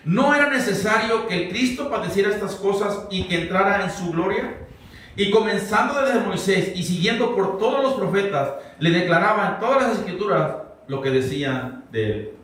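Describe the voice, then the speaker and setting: Male pastor, high voice, conversational Bible teacher, heard from afar in a booming church hall. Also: expressive, moderate pace, fairly bright tone, slight background noise. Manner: conversational, quizzes the congregation. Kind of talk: verse-by-verse Bible teaching sermon. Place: church sanctuary. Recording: very echoey hall, mic far off.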